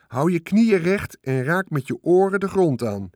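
A man's voice: medium pitch, expressive, measured pace, no room sound, clean studio sound. A man voicing a kind, clever female spider who gives orders and tells stories. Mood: commanding.

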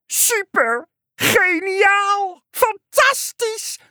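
A boundlessly happy little frog squeals every word, as a woman puts him on in a storybook voice. The voice sits very high and leaps wildly up and down. It is close and dry. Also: wildly swooping pitch, unhurried, a bit bright, no room sound, exaggerated voice. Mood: overjoyed. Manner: squealing, exuberant. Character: overjoyed cheerful male frog, always happy. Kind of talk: storybook character voice.

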